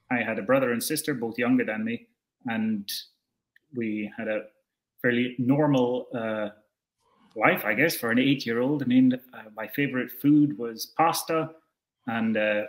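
A man's voice: mid-range voice, fairly bright tone. A young Scottish man answering interview questions on a video call, thoughtful and hesitant with many fillers and restarts. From Scotland. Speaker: interview guest. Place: indoor room at home.

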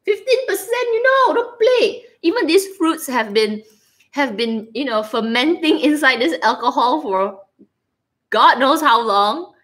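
A woman with a Singaporean accent hosts a casual livestream from her living room, her voice sitting high and unhurried. She's animated and playful, rambling through chit-chat and reacting aloud to viewers' comments.

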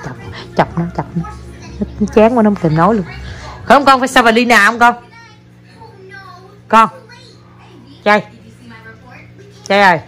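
A mother, chatting casually to viewers in a family vlog while talking with her daughter, animated and quick to laugh. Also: medium pitch, soft background music.

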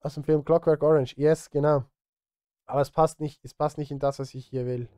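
Working on a composition in his home studio, the man in his thirties chats on his live stream, sometimes to himself, headphones on and close to the studio mic. His slightly high, mellow voice holds a steady tone and moves a little fast, with slight background noise.

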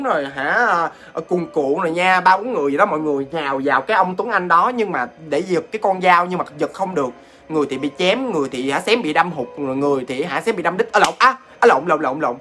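A man's voice: high-pitched, sharp tone, breathy edge. A man with a Southern Vietnamese accent telling a ghost story in a chatty, casual way, often addressing listeners directly.

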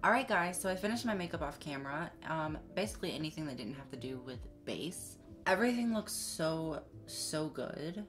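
Talking at normal speed with barely a pause, this twentysomething beauty vlogger sounds animated and fairly bright at medium pitch. They chat casually to camera in a makeup review, sassy and slangy like a drag queen, from a small filming room with background music.

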